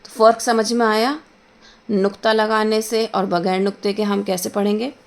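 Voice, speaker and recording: A woman's voice: mid-range voice, little pitch movement, creaky. Patient woman teacher explaining grammar. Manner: patient, repeats words slowly and checks in with "theek hai"; mixes English words into Hindi. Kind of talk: explaining Hindi grammar lesson.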